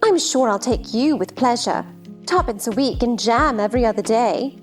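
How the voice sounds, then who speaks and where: A giddy, scatterbrained queen, acted by a woman, pitched high and swooping all over. She is fussy and fluttery, helpless yet insistent, in theatrical storybook style. Faint music plays behind her. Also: lively intonation, normal speed, close to an everyday voice. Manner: fluttery, nonsensical insistence, crying out. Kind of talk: theatrical children's storybook drama.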